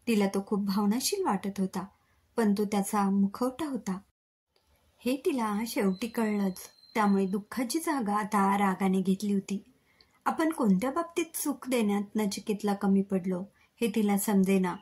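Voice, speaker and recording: Woman storyteller, husky voice, dramatic reading, acts out the lines. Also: medium pitch, darkish tone. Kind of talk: scripted story narration.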